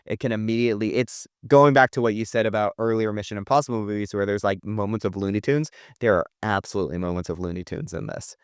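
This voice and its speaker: A man's voice: lowish voice, fairly even intonation, fast talker, hardly any pauses, clean tone, no echo, clean studio sound. A man co-hosting a podcast, talking casually and emphatically about movies, with lots of fillers and the odd swear. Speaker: podcast co-host. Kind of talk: casual movie review chat.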